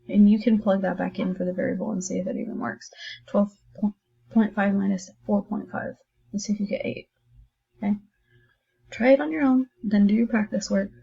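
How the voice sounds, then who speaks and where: A woman's voice: medium pitch, creaky, mellow, breathy edge, lo-fi sound. A woman teacher talking her class through a math lesson in a recorded distance-learning video, chatty and encouraging, thinking aloud as she writes.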